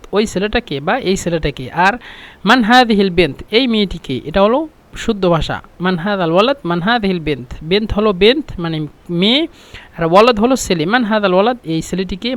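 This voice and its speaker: A man, teaching a spoken Arabic lesson patiently, repeating phrases and filling pauses with "meaning". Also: sits high, no room sound.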